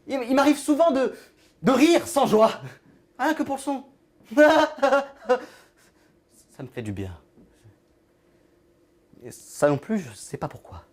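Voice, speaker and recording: A rambling, odd loner. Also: male voice, sits high, a little mellow, heavily acted. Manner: halting, rambling, trailing off into murmurs. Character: odd lonely man with an invisible friend. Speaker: actor in a short film monologue. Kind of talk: film monologue.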